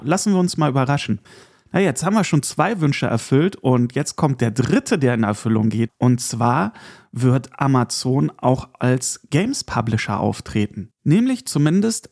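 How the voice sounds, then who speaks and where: This podcast host's voice is mid-range, creaky and a little mellow. In a casual solo show, he chats through news and review commentary with his opinions, talking right to the listener.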